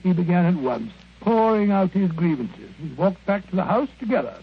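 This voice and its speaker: An actor playing a genial, bumbling British gentleman doctor in old radio drama style, eager, hesitant and blustering. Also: high voice, sing-song, moderate pace, husky, heavily acted. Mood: earnest. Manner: hesitant, blustering, chuckling storyteller. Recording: very muffled vintage radio recording.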